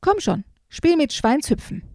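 Insistent little pig kid, pestering, a woman putting it on, with a gravelly edge. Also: sits high, big pitch swings, measured pace, darkish tone, dry recording, clean studio sound, voice pushed up, heavily acted. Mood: pushy. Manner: nagging, insistent. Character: pushy piglet schoolboy.

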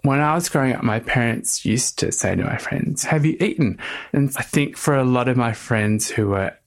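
A man's voice: mid-range voice, normal speed. A man thoughtfully explaining an idea with personal examples and the occasional restart. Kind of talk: reflective explanation.

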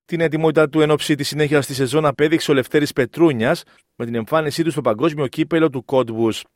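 A man's voice: on the high side, steady tone, no room sound. Male sports news reader, dry studio sound. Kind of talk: scripted sports news narration.

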